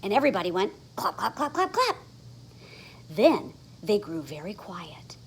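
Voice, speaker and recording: At a moderate pace, a storybook reader with a mid-range voice and big pitch swings gives an animated reading of a children's story. She emphasizes the sound words dramatically, and a little hiss or hum can be heard.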